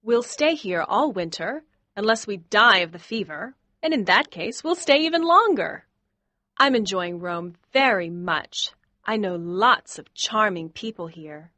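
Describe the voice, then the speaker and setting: A lively teasing young lady. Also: medium pitch, unhurried, dry recording. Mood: chatty. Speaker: Daisy Miller. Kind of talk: audiobook dialogue acting.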